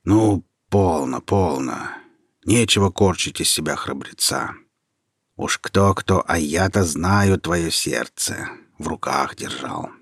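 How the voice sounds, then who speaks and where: A man reading aloud and voicing a sinister male forest sorcerer who bullies and gloats, loud and commanding. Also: on the low side, expressive, slightly rough, no echo, clean studio sound, exaggerated voice. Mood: quiet menace. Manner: loud and commanding, turning to a slow menacing hush.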